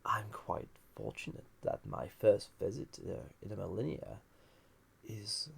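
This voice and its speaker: In an intimate roleplay audio drama, a man voices an ancient, lonely villain who has been banished, flirtatious yet dangerous. His fairly low voice is breathy and often half-whispered, teasing with languid pauses, and his heavily acted delivery has lively intonation. He sounds charmed and sly.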